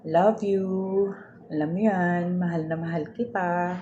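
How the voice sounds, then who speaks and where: A woman's voice: fairly low pitch, fairly even intonation, slow, warm tone, highs cut off, slight background noise. A woman recording a casual birthday message to her mother, affectionate and laughing often, mixing in English. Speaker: child greeting her mother.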